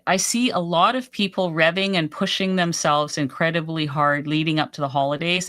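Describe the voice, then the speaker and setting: A woman talks through a relaxed live stream, answering her viewers and cheering them on. Her voice is bright and forceful, a little strained as she loses it. Her sentences are full of restarts and repeated words. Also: sits low. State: losing her voice. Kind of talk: casual live-stream chat, reading viewer comments.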